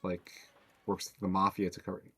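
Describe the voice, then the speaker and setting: Deep-voiced mod dev, rambling casual stream talk, swears. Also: male voice, completely flat delivery, brisk, sharp tone, breathy edge, soft background music. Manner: rambling, loose talk full of fillers and swearing.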